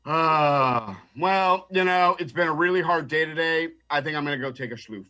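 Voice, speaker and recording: Rabbi guest on a video call, tin-can tinny sound, bright, relaxed and good-humored. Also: male voice, fairly high pitch, moderate pace. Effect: tinny sound, like talking inside a tin can. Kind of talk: casual chat. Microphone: laptop mic on a video call, no proper microphone.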